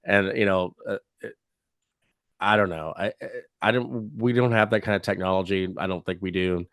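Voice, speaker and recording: A man's voice: sits low, fairly even intonation, moderate pace, a bit bright, no room sound, clean studio sound. A man co-hosting a podcast, chatting casually and rambling with many fillers while recovering from covid. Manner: rambling, hesitant, lots of fillers. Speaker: podcast co-host. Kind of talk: casual reaction chat.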